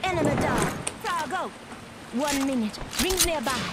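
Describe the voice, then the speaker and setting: A woman's voice: sits high, animated, moderate pace, very noisy. A woman voicing a female video game character who gives clipped combat callouts. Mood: brisk.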